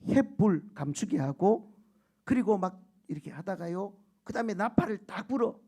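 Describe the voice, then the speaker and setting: Male pastor, high gravelly voice, animated sermon with call-and-response. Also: normal speed. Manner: animated storytelling with shouted quotes and laughter; keeps prompting the congregation for answers.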